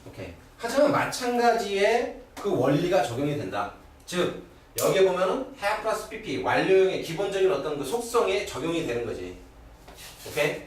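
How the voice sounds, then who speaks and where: Middle-aged male grammar teacher, lively up-and-down delivery, fairly high voice, keeps checking in with the class, picked up from afar in a very echoey room. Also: normal speed, distant mic, a little hiss or hum. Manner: keeps checking in with rhetorical questions. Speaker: English teacher. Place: classroom at a cram school.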